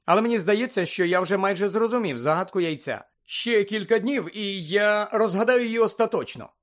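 A man's voice: high voice, a little fast, voice pushed up, close to an everyday voice. A man reading aloud voicing a modest teenage schoolboy who speaks matter-of-factly. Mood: plain. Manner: plain, matter-of-fact. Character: teenage boy wizard student, modest.

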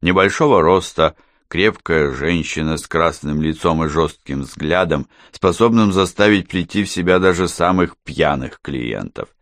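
Deep low guy reading an audiobook, steady, dry close sound. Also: measured pace, hardly any pauses, no echo. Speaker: narrator. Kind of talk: audiobook narration.

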